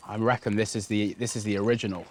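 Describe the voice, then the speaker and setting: A man's voice: on the low side, little pitch movement, fast talker, darkish tone, slight background noise. A man presenting on a cooking show, talking in an enthusiastic, friendly way. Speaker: guest presenter tasting food. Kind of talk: casual chat.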